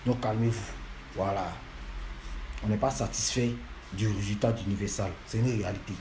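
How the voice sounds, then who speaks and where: A man's voice: lowish voice, steady tone, normal speed, darkish tone, a little hiss or hum. A man, lecturing and scolding fans in a repetitive, emphatic monologue. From Ivory Coast.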